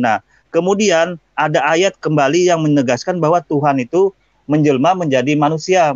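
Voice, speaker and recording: A man posing a challenging question in an online debate, with halting restarts. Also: fairly high pitch, dry recording, dull audio. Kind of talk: online debate on Bible verses.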